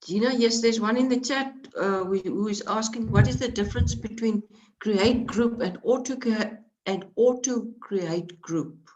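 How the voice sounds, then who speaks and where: A woman's voice: fairly high pitch, measured pace, a little mellow, lo-fi sound. Polite woman webinar moderator. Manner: polite, apologetic interjections. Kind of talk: online meeting moderation.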